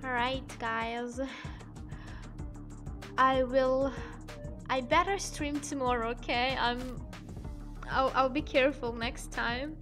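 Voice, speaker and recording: A woman's voice: high voice, fairly even intonation, slow pace, long pauses, bright, forceful tone, faint music behind. A woman streaming a game, chatting playfully with a teammate and her viewers. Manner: playful, laughing easily. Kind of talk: casual gaming livestream chat.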